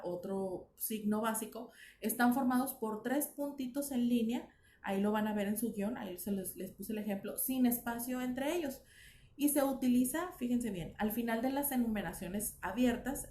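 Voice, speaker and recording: Mellow Mexican woman teaching a lesson. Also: on the high side, roomy sound, a little hiss or hum. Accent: Mexican Spanish. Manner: patient explaining with frequent checks for understanding. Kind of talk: recorded video lesson.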